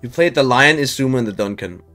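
A man's voice: mid-range voice, expressive, quick pace, bright, forceful tone, soft background music. A man casually chatting with viewers while streaming a game, loose and talkative, swearing and laughing now and then.

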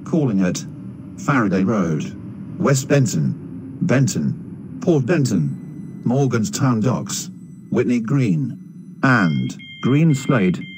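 A man's voice: medium pitch, big pitch swings, a little mellow, breathy edge, exaggerated voice. Man voicing a spliced-word platform announcer. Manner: measured, formal announcement delivery. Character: formal male station platform announcer. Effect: spliced-together recorded words.

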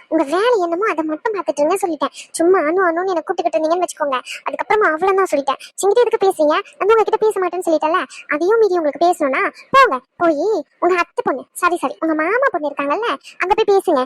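A woman's voice: very high-pitched, no room sound, clean studio sound. A woman voicing a huffy young wife in a cartoon who scolds her husband. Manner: scolding, fast, indignant. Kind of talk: cartoon voice acting.

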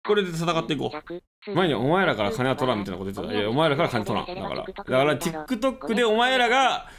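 A man's voice: a little high, big pitch swings, fast, crowd noise. A man live-streaming, rambling and joking in casual chat with his viewers. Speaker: game streamer. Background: background music.

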